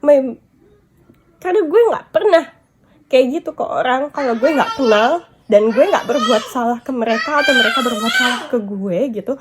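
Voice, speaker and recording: A woman's voice: high voice, animated, normal speed. A woman vlogger venting about being scolded, upset and tearful at times, mixing English and Japanese words into her talk. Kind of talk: emotional storytime vlog.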